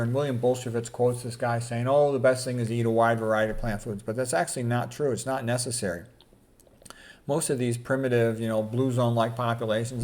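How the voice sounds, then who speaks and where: Speaking at a medium pitch with a darkish tone, this doctor lectures casually on health. He quotes passages, then weighs in with frank, slangy, strongly opinionated commentary.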